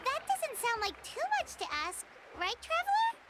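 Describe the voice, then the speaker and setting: A woman voicing a small, excitable, cheerful childlike fairy companion in a video game, talking in bubbly exclamations. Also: very high voice, moderate pace, slight background noise, exaggerated voice. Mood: excited. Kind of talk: animated video game voice acting. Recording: music behind the voice.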